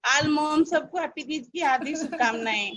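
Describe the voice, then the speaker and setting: A woman's voice: high voice, normal speed, a bit bright, dry recording. A mother on a school video call, giving formal greetings in Hindi and English and politely addressing the teachers one by one. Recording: muffled, dry video call audio.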